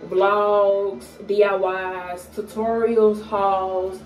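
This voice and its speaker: Chatting casually to the camera, this young Atlanta vlogger introduces herself slowly, with lots of fillers, pauses and the odd stutter. Her voice is mid-range and sits far from the mic, which is a camera at arm's length in a small, echoey home room. Faint music plays behind her.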